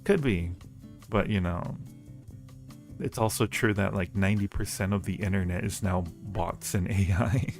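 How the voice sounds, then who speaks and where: Over background music, a man with a low, gravelly voice hosts a livestream at a normal pace. He's a livestream host and audio roleplay creator, chatting casually and playfully with viewers and addressing them affectionately.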